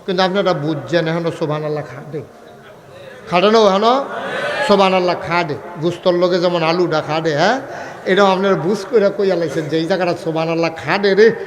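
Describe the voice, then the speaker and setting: High-voiced preacher calling out to crowd. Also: male voice, fairly quick. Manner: calls questions to the crowd for replies; lively, rises to shouts, chants some lines. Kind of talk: Bengali waz sermon. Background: crowd at an open gathering.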